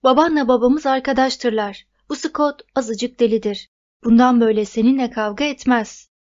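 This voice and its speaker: A woman voicing a calm older brother in his early teens, coaxing and steady, on a dull lo-fi recording. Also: a little high, normal speed, close to an everyday voice.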